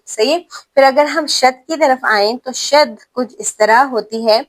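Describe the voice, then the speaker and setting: A woman with a Pakistani accent teaching a step-by-step tajweed lesson, patiently demonstrating sounds slowly and repeatedly and checking in with the listener often. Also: high-pitched. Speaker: Quran recitation teacher.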